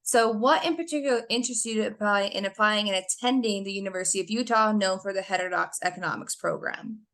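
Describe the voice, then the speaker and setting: A woman's voice: medium pitch, fast, fairly bright tone. A woman hosting an academic podcast, reading a formal introduction and asking interview questions. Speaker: podcast host.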